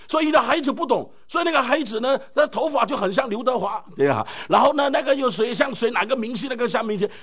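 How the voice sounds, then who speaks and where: Animated high-pitched male preacher. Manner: animated preaching with many rhetorical questions. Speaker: pastor. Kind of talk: sermon. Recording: dull lo-fi recording.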